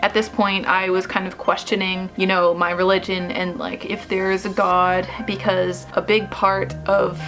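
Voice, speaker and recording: A woman's voice: medium pitch, flat delivery, normal speed, few pauses, over music. A young woman vlogger chatting casually to viewers in a loose, slangy, self-deprecating way. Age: young adult.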